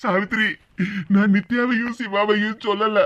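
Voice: medium pitch, little pitch movement, fairly bright tone, lo-fi sound, natural voice. A voice actor playing a remorseful older village husband in a cartoon, with a Kanyakumari Tamil accent, speaking heavily and reluctantly. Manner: heavy, guilt-laden, slow to explain. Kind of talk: cartoon voice acting.

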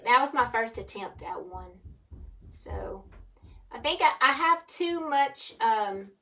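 A woman's voice: on the high side, expressive, slow, pushed and bright, recorded from a distance. A woman, leading a live painting tutorial in a chatty, giggly way. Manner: chatty, giggly, says y'all. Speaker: painting instructor.

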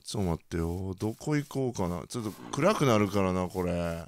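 A young man with a Kansai accent commentating his own game play, bursting into loud reactions and then muttering quietly. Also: brisk, a little hiss or hum. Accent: Kansai Japanese. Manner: excitable, reacts loudly to surprises, then mutters low. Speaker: gaming channel host.

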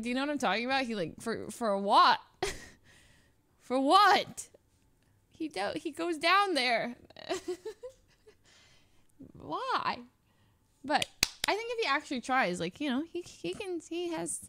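A woman's voice: high voice, vocal fry, sharp tone, dry recording. A woman streamer chatting casually, thinking aloud and asking puzzled questions. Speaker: streamer, host.

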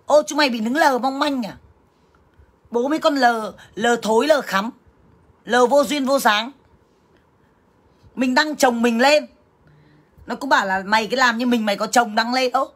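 A woman's voice: sits high, a bit bright. A woman ranting crudely to her livestream viewers, cursing and scolding in a blunt, combative way. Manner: talks straight to viewers as sisters. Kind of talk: angry livestream rant.

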